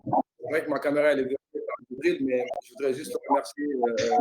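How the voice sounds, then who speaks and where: Mellow man, halting and repetitive. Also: medium pitch, fairly even intonation, low-quality recording. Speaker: university representative. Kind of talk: impromptu thanks on a webinar. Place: online video call.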